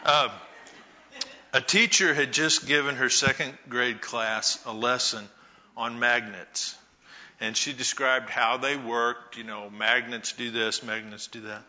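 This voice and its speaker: A man giving a Mother's Day talk to a church congregation, telling folksy stories with pauses. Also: mid-range voice, steady tone, sharp tone, lo-fi sound. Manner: slow, folksy storytelling with pauses. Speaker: church speaker.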